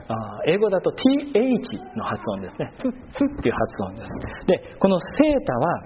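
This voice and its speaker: A male pastor giving a sermon, patiently explaining and pausing with long drawn-out fillers between phrases. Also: mid-range voice. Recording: muffled with steady background noise.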